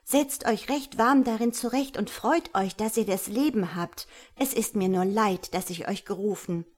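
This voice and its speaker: Woman doing a gentle holy child, sweet, pleading, lifted pitch. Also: unhurried.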